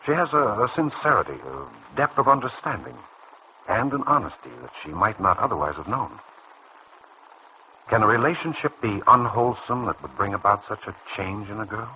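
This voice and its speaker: Playing a doctor in an old radio serial, this actor uses a fairly low pitch to counsel a younger colleague. His delivery is measured, probing and earnest, persuasive and reassuring, over a noisy vintage recording.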